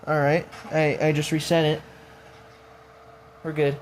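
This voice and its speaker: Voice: mid-range voice, flat delivery, a little slow. A person giving casual, off-the-cuff commentary at home, with muttered, exasperated asides. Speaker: amateur video maker testing a smoke alarm. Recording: very noisy home recording, alarm clicks.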